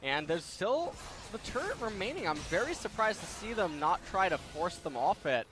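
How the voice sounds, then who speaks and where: A man's voice: high-pitched, sing-song, moderate pace, music in the background. A man giving analytical color commentary on an esports match, breaking down fights and replays. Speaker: esports caster.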